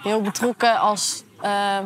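Flat-toned woman footballer interviewed. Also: mid-range voice, slow pace. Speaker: football player. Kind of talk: documentary interview.

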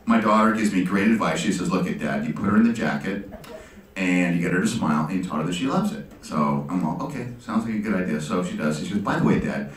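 A man in his fifties spins rambling, self-mocking stories for a live crowd and acts out the people in them. His voice sits on the low side. It rings around an echoey room and reaches the mic from some distance. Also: expressive, fast, a little hiss or hum. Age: 50s. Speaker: artist hosting an art auction talk. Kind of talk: comic storytelling to a live audience. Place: ship's hall with audience.

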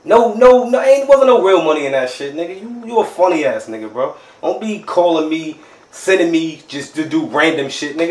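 A man acting as a brash, profane young street hustler in a low-budget crime drama, filmed outdoors at night. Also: roomy sound, natural voice. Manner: brash, profane street talk, repeats filler words. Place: city sidewalk at night, outdoors.

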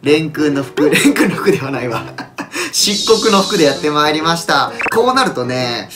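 A young man talks casually to camera, playful and full of laughs. His pitch leaps around in a very animated way. Background music plays clearly under his voice. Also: normal speed. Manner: playful, laughs often, jumps between exaggerated reactions. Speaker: YouTuber. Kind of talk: casual fan chat to camera.

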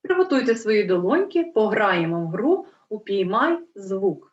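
Woman teacher, patient and unhurried, drawing out every sound for small children; echoey room, muffled sound. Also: mid-range voice, big pitch swings, distant mic. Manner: clear, drawn-out syllables, coaxing questions. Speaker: primary school teacher. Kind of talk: slow reading lesson for young children. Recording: roomy, dull lo-fi recording.

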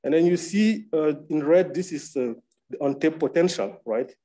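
A man's voice: on the high side, normal speed, mellow, poor audio. A man from Cameroon moderating an academic panel and presenting slides in a conversational way, often adding tag questions, over a video call.

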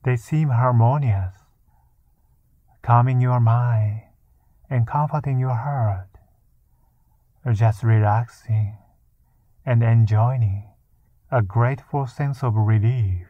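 A man leading a guided meditation in a soft, soothing, hushed voice, leaving long pauses between short phrases. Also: mid-range voice, no room sound. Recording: muffled, narrow-band phone-like sound. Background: music.

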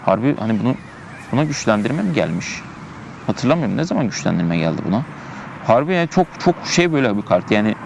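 A man talks through a mobile game as he plays it, casual and chatty, thinking aloud and repeating his points. His voice sits in a middle pitch. He records outdoors in a park, with a faint hum of city noise behind him. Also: big pitch swings, fast talker, gravelly. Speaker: gameplay commentator. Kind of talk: casual live gameplay commentary.

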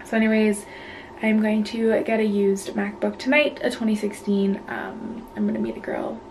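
A woman in her twenties talking to camera in a casual vlog, soft and low-key, often close to a whisper, stressed and anxious. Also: lively intonation, moderate pace, a little hiss or hum, low-quality recording. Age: 20s. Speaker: vlogger.

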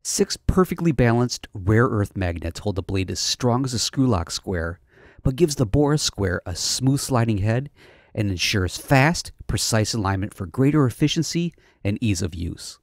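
Gravelly low male voice-over. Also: expressive, normal speed, no room sound, studio quality. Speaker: product ad voice-over. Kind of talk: scripted ad narration.

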